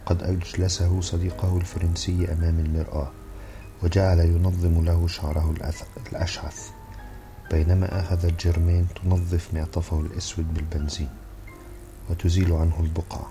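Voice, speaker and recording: A man narrating a novel as an audiobook in a measured storytelling way. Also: low-pitched. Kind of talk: scripted literary narration.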